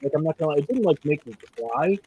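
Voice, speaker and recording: A man's voice: a little high, sing-song, slightly rough. Sex: man. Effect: call audio breaking up. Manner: rambling. Mic: computer mic on an online call. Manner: rambling, halting, lost for words. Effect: online call audio breaking up and muffled. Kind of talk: casual chat. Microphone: computer mic over an online call. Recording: distant, cutting-out call audio.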